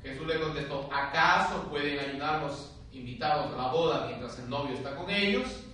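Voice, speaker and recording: A man, a friar, teaching a theology class, reading scripture aloud and explaining it in a lively, conversational way while he questions his students. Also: a little high, moderate pace. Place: lecture room. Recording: very echoey room, far from mic, faint hiss.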